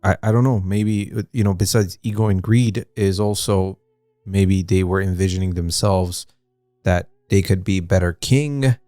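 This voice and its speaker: A man's voice: low voice, normal speed, warm tone, no echo, clean studio sound. A man co-hosting a casual history podcast, talking in a rambling way with many fillers and restarts. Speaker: podcast co-host.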